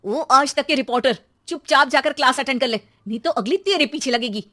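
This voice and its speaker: A woman voicing an exasperated, sarcastic mother who nags and shouts in an animated cartoon story. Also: a little fast. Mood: sarcastic scolding. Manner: shrill shouting, sarcastic nagging. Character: exasperated, scolding Indian mother and housewife, sarcastic.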